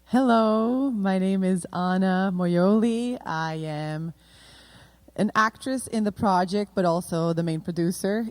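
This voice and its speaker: A woman with a Brazilian accent, an actress and producer, talking in an interview with many pauses and fillers. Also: lowish voice, darkish tone. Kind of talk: casual interview talk.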